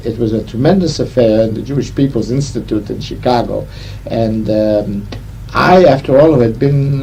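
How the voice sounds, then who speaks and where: An older man who learned English as a second language, reminiscing in an interview as a rabbi, in formal, hesitant wording with frequent pauses. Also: mid-range voice, gravelly, dark tone. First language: not English. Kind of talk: reminiscing oral-history interview. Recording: noisy interview recording.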